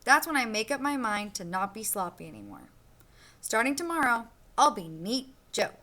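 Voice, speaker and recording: With an exaggerated, fairly high voice at normal speed, a woman plays a sloppy, cheerful storybook boy telling his own tale. She gives him expressive emphasis and childlike boasting, and his mood comes across as determined.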